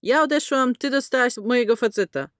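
A woman plays a brash, foul-mouthed space pilot who is crude and sarcastic. She raises her pitch fairly high, above her own natural voice, though it stays close to an everyday sound, and she talks fairly quickly. The studio-quality recording is dry.

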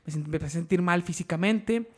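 A young man with a Mexican accent tells a long story on a podcast in a high voice. He talks in animated, slangy bursts and laughs at his own jokes. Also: quick pace. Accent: Mexican Spanish. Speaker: podcast host. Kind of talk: casual storytelling chat.

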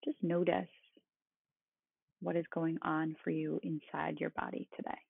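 A meditation guide speaking in a calm, meditative tone with a husky, creaky voice. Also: medium pitch, a little slow. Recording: roomy, phone-like thin sound.

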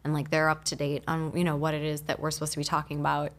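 A chatty female entrepreneur speaks rapidly and informally as a guest in a relaxed studio interview. Frequent "like" fillers and spirited pitch movement mark her delivery, recorded on a studio mic.

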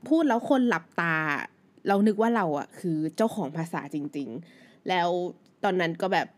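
A woman's voice: lowish voice, lively intonation, normal speed. A woman in her thirties, a native Thai speaker, hosting her own podcast in a loose, chatty solo monologue full of fillers. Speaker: podcast host. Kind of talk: casual solo podcast chat.

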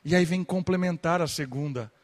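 A young man preaching a sermon to his congregation, lively and animated, sometimes imitating gossiping churchgoers. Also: on the high side, normal speed, big-room sound. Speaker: pastor.

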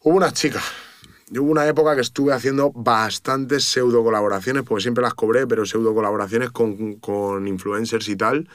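Spain Spanish male tattoo artist, slangy lively storyteller, dry close sound. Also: medium pitch, brisk, dry recording. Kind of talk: casual podcast chat.

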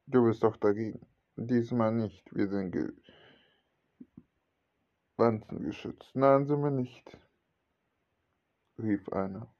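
A man's voice: on the low side, slow, long pauses. A man narrating a homemade radio-play story, switching between narration and the characters' lines without strongly changing his voice. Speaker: hobby storyteller voicing every character. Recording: dull lo-fi home recording.

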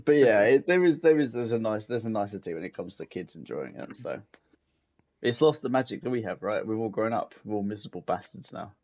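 A man's voice: on the low side, expressive, a little fast, darkish tone. A man and parent chatting loosely in a podcast, rambling and correcting himself as he laughs through his stories. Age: adult, a parent. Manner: rambling, self-correcting, laughs mid-sentence. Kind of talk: casual banter. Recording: dull, muffled lo-fi sound.

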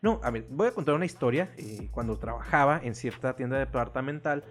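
A man with a Mexican accent chatting on a podcast, telling lively stories full of slang and casual swearing. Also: medium pitch, fairly quick, faint music behind. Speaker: podcast co-host.

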